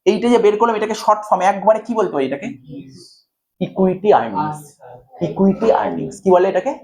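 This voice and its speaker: Bengali guy tutoring finance, high-pitched and quick, keeps asking "okay?". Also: gravelly, a little mellow. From India. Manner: coaxing, repeats checks like "okay?" to students. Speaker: commerce tutor. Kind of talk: whiteboard math lecture.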